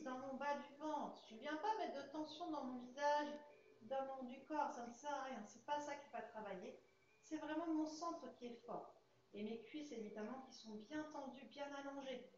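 A woman with a French accent, a Pilates instructor calmly guiding a class through exercises and breathing cues. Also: high voice. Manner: calm, coaching cues with breath counts. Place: fitness studio. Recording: very echoey studio, slightly dull sound.

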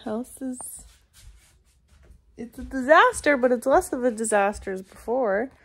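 Slow-talking woman vlogging casually at home. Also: on the high side, expressive, fairly bright tone, husky. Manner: chatty and rambling, with many fillers. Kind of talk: casual vlog chat. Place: indoors at home. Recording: noisy home recording.

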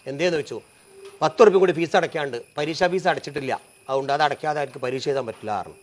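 A man's voice: on the high side, very fast. A man, telling a personal story with earnest, rising and falling emotion.

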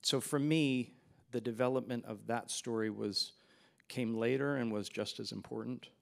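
On stage at a festival, with a backdrop behind him, a male filmmaker in his forties holds a handheld mic and spins loose, meandering stories, laughing and using fillers during the Q&A. He speaks at normal speed in a mid-range, gravelly voice.

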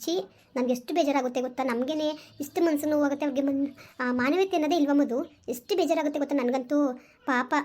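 A woman's voice: sits high, fast, darkish tone. A woman talking with her husband in a casual family chat, earnest and reassuring. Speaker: wife in a family vlog. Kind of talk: casual heartfelt family talk.

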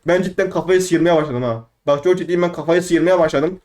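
A young man giving excitable, rambling let's play commentary, trash-talking opponents and talking to himself. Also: on the high side, quick pace. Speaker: gaming YouTuber.

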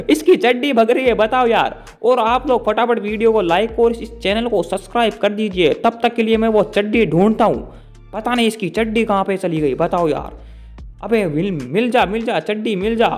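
High-voiced excitable gaming commentator man. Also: moderate pace, faint music behind. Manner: excitable, joking, talks to the game character and viewers. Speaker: gaming YouTuber. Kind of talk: playful gameplay commentary.

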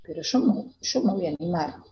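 Actress as young girl, Argentine accent, hesitant stage monologue; mellow, husky-gravelly, muffled lo-fi sound. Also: on the low side, animated, natural voice. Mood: wistful. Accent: Argentine Spanish. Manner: hesitant, halting, many restarts. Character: timid young girl, eager to reassure. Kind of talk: theater monologue, reliving a memory.

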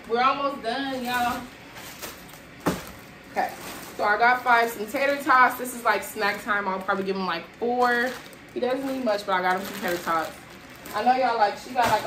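A grocery-haul vlogger, young and sounding a bit worn out, chats with her y'all audience in a mid-range voice while unpacking bags and moving through her small apartment kitchen. She's tired and sweaty. The camera is at a distance across the room, so the audio is echoey with noise behind it.

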